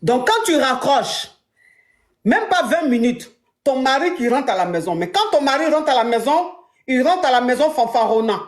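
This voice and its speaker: A woman with a high voice gives relationship advice, talking fast and acting out the dialogue of the people in the story. Her voice rings with a roomy echo. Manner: animated, acts out dialogue. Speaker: relationship coach host. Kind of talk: casual advice talk.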